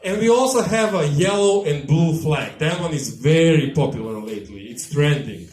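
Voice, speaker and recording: A man from former Yugoslavia with a Yugoslav accent doing a live stand-up set on a small tavern stage, delivering dry, deadpan one-liners into a handheld mic. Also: fairly high pitch, normal speed. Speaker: stand-up comedian. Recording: echoey live bar room.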